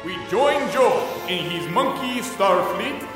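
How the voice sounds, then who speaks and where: A man's voice: sits high, expressive, slow pace. A man playing a melodramatic serial narrator, theatrical, delivering comic scripted cliffhangers. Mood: suspenseful. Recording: echoey, distant, music behind.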